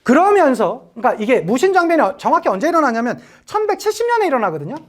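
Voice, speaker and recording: Lively woman giving a chatty lecture. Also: high-pitched, quick pace. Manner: chatty, joking, acts out quotes. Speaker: history lecturer. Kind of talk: exam-prep lecture.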